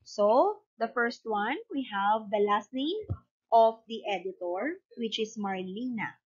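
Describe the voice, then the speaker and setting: A woman teacher with a fairly high voice dictates item by item in an instructional lesson. Her delivery is very slow, methodical and repetitive. The recording is dull and lo-fi. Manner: dictating punctuation and spelling item by item. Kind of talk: instructional lesson, explaining citation format step by step.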